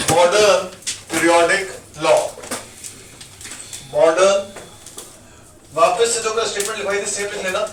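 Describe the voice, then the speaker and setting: A man teaching chemistry to a class, quizzing students and chanting memory lines for the elements. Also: high-pitched. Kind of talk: classroom lecture with mnemonics. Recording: echoey room, mic far off, class noise.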